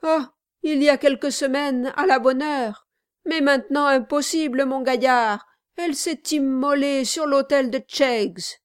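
An easygoing young man, as a woman reads him aloud speaks with hearty, loud exclamations in a raised voice. He sounds amazed and jovial in this storybook reading, close and dry. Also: high voice, slow, no room sound, pitched above the performer's own voice.

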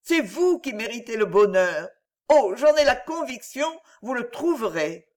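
A woman reading an audiobook, voicing a tearful, earnest young woman who pleads in a high, breathless voice. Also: sing-song, a little slow, a little mellow. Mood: tearful pleading.

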